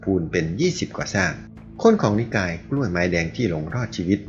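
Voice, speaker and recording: His voice sits low and moves a little fast as he reads from a martial arts novel in a steady narrative style. The recording sounds dull and lo-fi, with faint music in the background.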